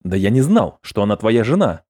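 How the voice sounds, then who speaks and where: A man's voice: lowish voice, sing-song, brisk, dark tone, husky, no room sound, clean studio sound. A man voicing a bitter, defensive male wizard who snaps back indignantly. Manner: snapping, indignant.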